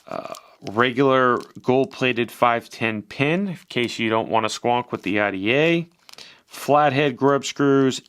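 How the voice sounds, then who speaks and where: A man's voice: medium pitch, a bit bright, smooth. A man giving a casual, chatty product review as he unboxes and shows a device, swearing now and then.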